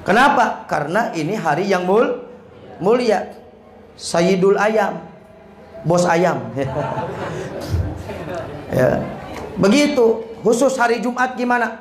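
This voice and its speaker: High-voiced preacher joking. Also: male voice. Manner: jokey, storytelling, quizzes the audience. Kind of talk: humorous Islamic sermon. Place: prayer room. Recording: echoey prayer room, faint noise.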